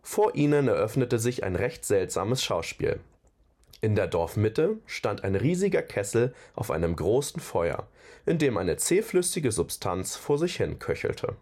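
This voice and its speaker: An audiobook reader with a fairly low voice narrates a fantasy novel at an unhurried pace, his delivery expressive and rising and falling a lot as the story unfolds.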